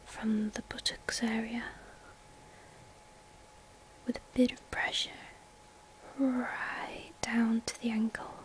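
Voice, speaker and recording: Whispered role-play, slow soothing massage therapist woman acting. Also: on the high side, little pitch movement, poor audio. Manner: soft-spoken, slow, soothing, reassuring. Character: gentle, soothing female spa massage therapist.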